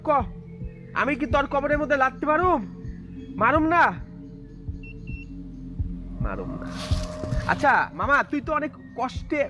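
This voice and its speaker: High-voiced man taunting a grave. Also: bright, forceful tone. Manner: agitated, taunting, reciting prayers. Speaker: vlogger. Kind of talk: ghost-hunting vlog. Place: graveyard outdoors at dusk.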